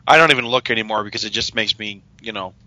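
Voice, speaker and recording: A chatty man with a very bright, forward tone. He talks excitedly on a casual podcast. The dry, close sound puts his voice right up front. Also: on the low side, fast talker, dry recording, low-quality recording. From Utah. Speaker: paranormal investigator, co-host.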